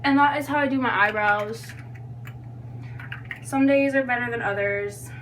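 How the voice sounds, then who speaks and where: A woman's voice: on the high side, a little slow, fairly bright tone. A young woman giving a casual, chatty tutorial in a loose, tipsy, giggly and self-deprecating manner. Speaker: makeup tutorial vlogger. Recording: distant mic with background noise and hum.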